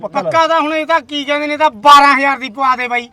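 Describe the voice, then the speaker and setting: A man with a Malwa Punjabi accent bargaining loudly as a buyer in pushy, blunt bursts. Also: very high voice, steady tone, fast talker. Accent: Punjabi, Malwa region. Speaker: goat buyer making offers. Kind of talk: loud casual market bargaining. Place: outdoor livestock market. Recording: busy outdoor crowd noise.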